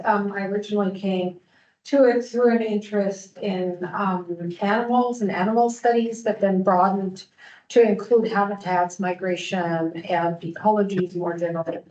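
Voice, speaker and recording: A woman in her fifties from Germany, a panel speaker explaining her work in a fluent, measured way. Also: mid-range voice, a little mellow. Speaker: invited speaker. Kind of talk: academic panel answer. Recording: echoey dull sound.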